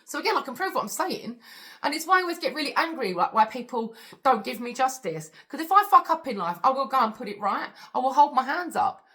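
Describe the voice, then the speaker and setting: A woman's voice: high-pitched, very animated, fast talker, fairly bright tone. A woman vlogger telling her own story to camera, blunt and candid, swearing freely.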